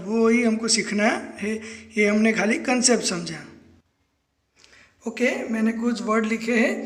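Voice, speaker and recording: Slow, deliberate male teacher. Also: sits high. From Gujarat, India. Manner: deliberate, spells words out letter by letter. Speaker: English teacher. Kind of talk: classroom lesson to video.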